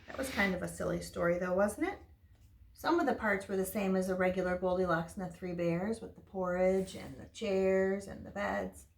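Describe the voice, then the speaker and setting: A woman's creaky, mid-range voice proceeds at a moderate pace while she gives small children an informal lesson and story time, explaining simply in casual words. She's indoors, and the recording picks up room echo and faint noise.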